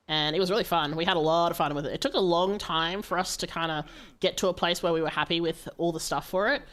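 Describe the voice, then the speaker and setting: A woman with a lowish voice hosts a game stream, chatting casually with viewers as she plays. She's animated and playfully dramatic, prone to exclaiming and pleading.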